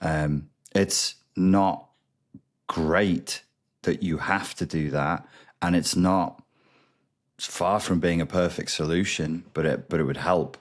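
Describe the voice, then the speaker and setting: A man guesting on a podcast as a recovery expert, explaining ideas step by step in a measured way. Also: deep voice. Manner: measured, explains step by step, frequent ums and restarts. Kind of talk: explanatory interview talk.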